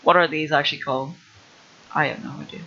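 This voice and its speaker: A man's voice: fairly high pitch, fast talker, vocal fry, bright, forceful tone, muffled recording. A young man livestreaming as he builds a game level, rambling casually with lots of fillers and restarts. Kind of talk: casual thinking-aloud livestream.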